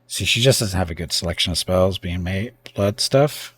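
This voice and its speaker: A man thinking aloud as he plays a strategy game on a live stream, halting and correcting himself as he goes. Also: low-pitched, a bit bright, a little hiss or hum. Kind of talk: casual gameplay commentary.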